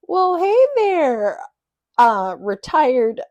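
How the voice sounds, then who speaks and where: This is a sweet, mannered older Southern belle, voiced by a woman retelling her story. The voice sits noticeably higher than the teller's own, with a long, drawn-out Southern drawl and careful politeness. The delivery is gracious and unhurried. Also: sing-song, a little mellow, no room sound, heavily acted. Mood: sweetly gracious.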